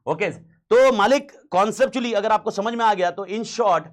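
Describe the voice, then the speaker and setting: A man's voice: sits high, normal speed. A man teaching a class in a casual, slangy way, repeating key points and mixing in English phrases.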